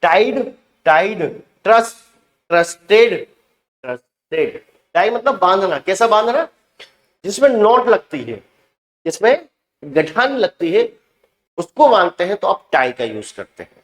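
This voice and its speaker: A man teaching English to Hindi speakers, who reads out each verb with its meaning and repeats every past form twice in a slow drill. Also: high-pitched, big pitch swings, reverberant. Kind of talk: spoken vocabulary drill.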